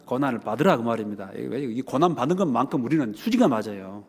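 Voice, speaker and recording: A man's voice: mid-range voice, expressive, quick pace, husky. A middle-aged male pastor with a Jeolla accent, preaching a sermon in a folksy, joking way, full of emphatic rhetorical questions. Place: church sanctuary. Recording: long church hall reverb.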